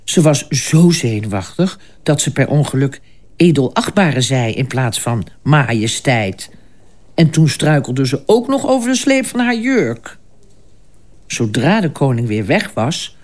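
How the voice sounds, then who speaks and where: Slow expressive fairy tale reading, voice goes up and down a lot. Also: medium pitch. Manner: expressive, unhurried. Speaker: storyteller.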